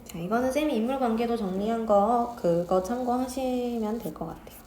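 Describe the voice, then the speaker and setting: A woman teacher explaining a classic story in a casual lecture, talking straight to her students and quoting the characters in lively voices. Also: a little high, normal speed. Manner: chatty, quotes characters in lively voices, addresses students directly. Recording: echoey room with faint ambient noise.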